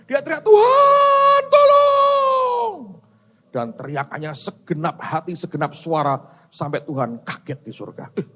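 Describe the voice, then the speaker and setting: A male pastor tells a story in a sermon, joking and speaking directly to the congregation. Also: fairly high pitch. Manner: animated, joking, addressing the congregation.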